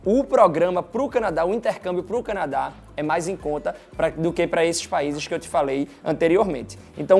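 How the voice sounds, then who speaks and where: A man with a Recife accent, presenting an informal explainer for an exchange agency and talking straight to his viewers with lively emphasis. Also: sits high. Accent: Recife, Brazilian Portuguese.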